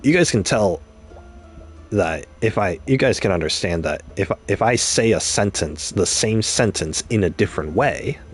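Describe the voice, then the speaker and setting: A young man with a very low, husky voice chats while streaming a game. He rambles through long explanations, restarting sentences and reaching for examples. Faint music plays behind him. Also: animated, normal speed. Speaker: gaming streamer. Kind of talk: casual commentary while gaming.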